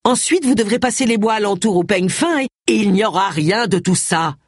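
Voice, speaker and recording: Brief: curt, barking male inspector read by the narrator, husky, pitch swinging widely. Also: expressive, fairly quick, no echo, studio quality, lightly acted. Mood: gruff, irritated. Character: grumpy tall police inspector, man, middle-aged.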